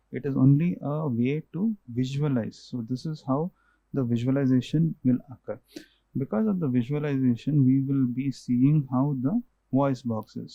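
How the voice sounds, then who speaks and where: A man's voice: mid-range voice, creaky, dark tone, no room sound, muffled recording. A man, an ENT doctor, patiently explaining causes and tests to a patient, often restarting and repeating himself.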